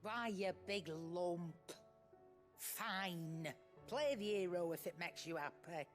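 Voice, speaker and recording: Blunt old trader. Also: female voice, on the low side, slow pace. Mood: gruff affection. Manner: blunt, folksy, no-nonsense. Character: gruff, shrewd old female trader called Nan. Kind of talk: video game dialogue. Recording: music behind the voice.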